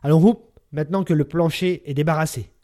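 A man's voice: a little high, fairly quick, lightly acted. A man doing a bossy, scheming old neighbor woman. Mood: gruff relief. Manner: hushed and urging.

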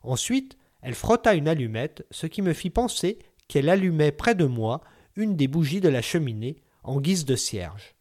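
A man reads a literary story aloud, his voice sitting a little on the high side. His delivery stays measured and steady, the way an audiobook is narrated.

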